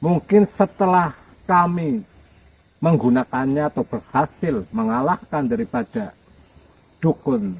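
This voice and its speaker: A man acting as a spirit medium, hesitantly relaying messages in a low murmur. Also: unhurried, breathy edge, rough recording. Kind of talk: casual on-camera chat.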